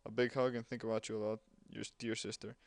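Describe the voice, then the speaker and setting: A man's voice: fairly low pitch, level tone, fast, creaky, no echo. A man doing let's play commentary, reading game dialogue aloud and breaking off with sarcastic asides. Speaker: gamer playing a game.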